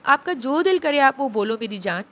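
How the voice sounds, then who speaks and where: A woman's voice: high voice, animated, moderate pace. A woman voicing a tender young stepmother. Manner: soft, tender, soothing. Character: gentle young woman, loving new stepmother.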